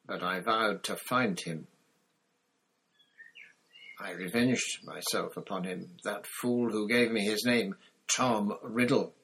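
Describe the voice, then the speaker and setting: A man voicing a cruel, snake-like male dark wizard in an audiobook, speaking with soft, hissing menace and sudden rises. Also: lowish voice, takes it slowly, pauses often, poor audio. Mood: gloating. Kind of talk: audiobook character voice.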